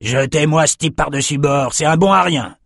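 A man's voice: on the high side, normal speed, creaky, fairly bright tone, no echo, clean studio sound, pitched above the performer's own voice. A man doing a commanding pirate king. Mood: mocking. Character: brutal male pirate king, proud and demanding.

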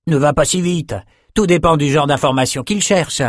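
A man's voice: on the high side, normal speed, no echo, clean studio sound, voice pushed up, natural voice. A male reader voicing a matter-of-fact middle-aged farmer.

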